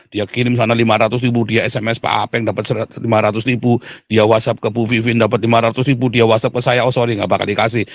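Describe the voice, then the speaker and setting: A man's voice: medium pitch, no echo. A man preaching a sermon, speaking animatedly, acting out complainers and calling listeners "Saudara". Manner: animated, addresses listeners as "Saudara", acts out complainers in mocking voices. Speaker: pastor.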